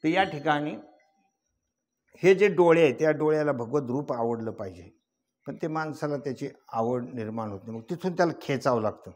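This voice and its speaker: A man's voice: on the high side, animated, moderate pace, a little mellow. An older man giving a devotional kirtan sermon, teaching in a folksy way, asking rhetorical questions and rising into chanted verse. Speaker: kirtan preacher.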